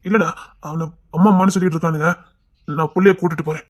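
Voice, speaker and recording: An actor voicing a caring, bossy elder brother in a cartoon web series, brisk and insistent, with a Kanyakumari Tamil accent. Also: male voice, a little high, fairly even intonation, natural voice.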